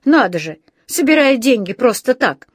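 A woman's voice: fairly high pitch, very animated, normal speed, husky, dry recording, clean studio sound, pitched above the performer's own voice. A woman doing a cross demanding man. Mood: angry. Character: angry grown man in a queue. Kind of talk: storybook reading.

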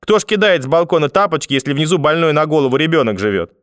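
A man voicing a furious, sharp-tongued old grandmother in an audiobook, shouting insults in a high, loud voice. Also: lively intonation, fast talker, clear, resonant tone, dry recording, studio quality. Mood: ranting. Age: older. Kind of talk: audiobook character voice.

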